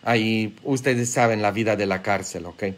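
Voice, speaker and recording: A priest giving a live-streamed homily, colloquial and joking, firing rhetorical questions and swinging between loud high exclamations and hushed low asides. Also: male voice, steady tone, moderate pace.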